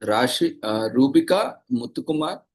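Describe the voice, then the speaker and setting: A man's voice: mid-range voice, lively intonation, moderate pace. A man with an Indian accent moderating an online conference session and giving participants instructions.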